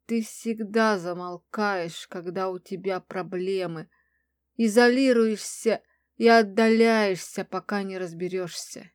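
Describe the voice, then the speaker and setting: A woman reading an audiobook voices a weary young male mage who speaks slowly and low in a bitter, exhausted way. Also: steady tone, clear, resonant tone, no echo, studio quality. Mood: resigned. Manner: low, slow and resigned.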